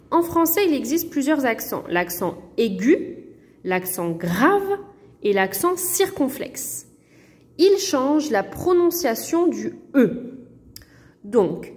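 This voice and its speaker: Patient woman teacher, slow delivery for children, reverberant classroom sound. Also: a little high, darkish tone. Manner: slow, patient, explaining with frequent checks. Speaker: primary school teacher. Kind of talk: recorded lesson for children. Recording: echoey room reverb.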